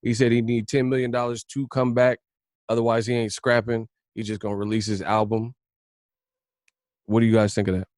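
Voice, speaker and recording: A man's voice: mid-range voice, flat delivery, fairly quick, darkish tone, dry recording, studio quality. A man hosting a casual group video call, teasing and joking with guests in slang. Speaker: host.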